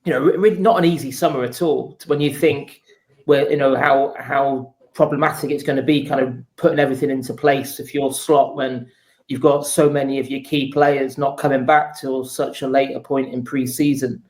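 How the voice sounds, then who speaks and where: Football journalist guy, pretty flat even pitch, chatty but measured, explains stuff. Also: low-quality recording. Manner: measured, explanatory, often says "you know". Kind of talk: casual interview answers, informed analysis.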